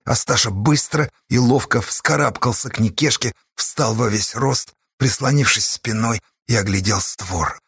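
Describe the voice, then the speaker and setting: A man narrates an audiobook with measured, dramatic delivery. His voice is husky and gravelly, sitting a touch high, recorded close and dry. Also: a bit bright, dry recording.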